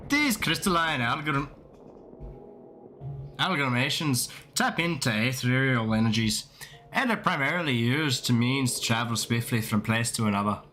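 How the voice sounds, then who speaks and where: A man's voice: a little high, big pitch swings, normal speed, pushed and bright, faint music behind. A man playing a pompous formal clerk. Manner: formal, archaic, mock-grand. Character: pompous male aetheryte clerk, teasing.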